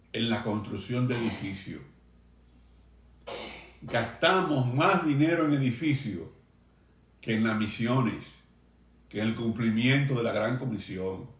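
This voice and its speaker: Pastor guy preaching, earnest and emphatic, mid-pitch voice, room echo all around. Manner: earnest, emphatic preaching with slow stressed phrases. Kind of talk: sermon. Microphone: video stream for a remote congregation.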